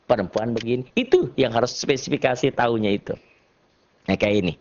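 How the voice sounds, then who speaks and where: A man teaches Quran recitation in a loose, jokey classroom manner. He acts out imagined students, and his pitch leaps high and drops low as he demonstrates. The recording is dull and lo-fi. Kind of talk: casual classroom lesson.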